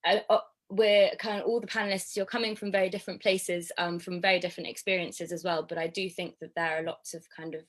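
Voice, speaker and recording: A woman's voice: fairly low pitch, little pitch movement, fast. A woman hosting an online panel discussion over a video call, speaking with frequent ums in a friendly, organized way. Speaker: host.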